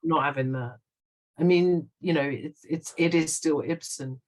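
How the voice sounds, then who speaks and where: A woman's voice: sits low, unhurried, a little mellow, poor audio. A middle-aged woman writer being interviewed, talking animatedly and laughing often. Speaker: guest writer. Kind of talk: conversational interview.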